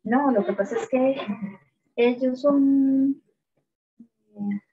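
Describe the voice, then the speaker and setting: A woman chats casually before class, spilling gossip in an animated storytelling way. Her voice has a slightly husky edge. The call audio is muffled and lo-fi. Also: high-pitched, drawn-out words. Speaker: law student.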